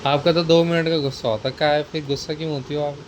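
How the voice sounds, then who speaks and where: A man's voice: on the high side, fairly even intonation, fast talker, a little hiss or hum. A young man joking and teasing his partner in a casual home vlog, talking to viewers. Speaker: vlogger. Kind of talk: casual couple vlog chat.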